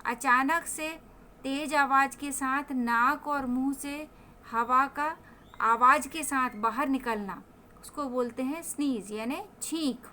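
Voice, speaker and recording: A woman teacher, slowly drawing out English words and explaining their meanings in a vocabulary lesson. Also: high-pitched, bright, forceful tone, slight background noise. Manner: slow, drawn-out word pronunciations, mixing Hindi explanations with English definitions. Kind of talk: vocabulary lesson with pronunciation drills.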